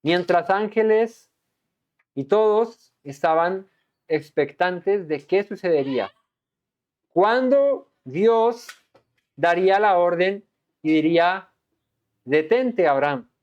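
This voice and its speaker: A man's voice: high-pitched, lively intonation, slow pace, long pauses. Dramatic male preacher, lo-fi sound. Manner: dramatic, acts out the angels and God in voices. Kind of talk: verse-by-verse sermon.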